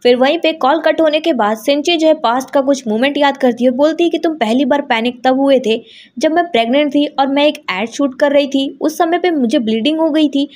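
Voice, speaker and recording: High-voiced woman narrating a drama recap. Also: darkish tone. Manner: brisk retelling, quoting every character in her own voice.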